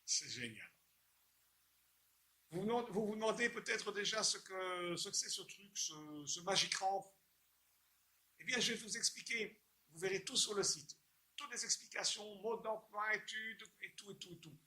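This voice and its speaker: A man's voice: sits high, animated, normal speed, bright, forceful tone. A man presenting a product with enthusiasm, stumbling and restarting his phrases. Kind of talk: promotional presentation.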